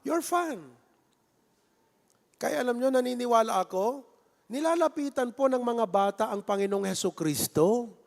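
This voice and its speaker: A man with a Filipino accent, a pastor who preaches in a lively, conversational way and jokes with his congregation. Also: extremely high pitch, moderate pace, gravelly. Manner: playful, jokes with the congregation and acts out little scenes. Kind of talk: sermon. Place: church sanctuary. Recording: echoey church hall.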